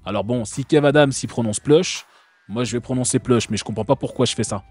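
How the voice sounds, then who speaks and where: A man's voice: medium pitch, a little fast, darkish tone, slightly rough, dry recording. A man from France hosting a live stream, talking casually and sarcastically with many fillers and restarts.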